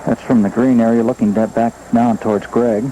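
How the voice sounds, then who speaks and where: A man's voice: medium pitch, level tone, a little fast, dark tone. A man working as a golf commentator, describing holes and shots in live television coverage. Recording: noisy old outdoor TV broadcast. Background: outdoor ambient noise.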